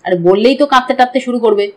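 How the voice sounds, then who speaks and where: A woman's voice: on the high side, fast talker, lightly acted, rough recording. A woman voicing a casual, reassuring young man in an audiobook, offhand and dismissive.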